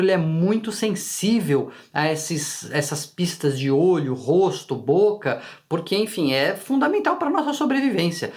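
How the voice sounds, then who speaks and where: A man with a Brazilian Portuguese accent hosting his channel, explaining casually to the viewer and often tagging questions on to his sentences. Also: a little high. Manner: conversational, frequent tag questions to the viewer; talks directly to the viewer. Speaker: channel host.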